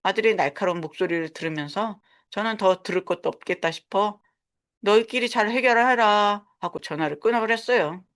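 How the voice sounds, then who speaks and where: A woman in her sixties narrating a first-person story in a calm, matter-of-fact way. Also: on the low side, fast talker, hardly any pauses. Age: 60s.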